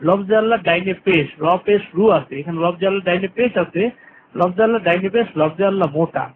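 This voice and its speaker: A man teaching Quran recitation rules, repeating each rule and drawing out the verses very slowly. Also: high voice. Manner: repeats rules and verses, stretching vowels very long. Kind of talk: tajweed lesson with slow drawn-out recitation. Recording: tinny lo-fi phone-like recording, faint hiss.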